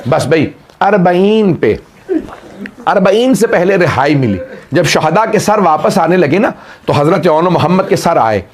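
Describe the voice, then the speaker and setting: A man's voice: a little high, big pitch swings, a little slow. A man preaching, narrating a mourning story with passion and often calling his listeners brother. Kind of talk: emotional sermon narration.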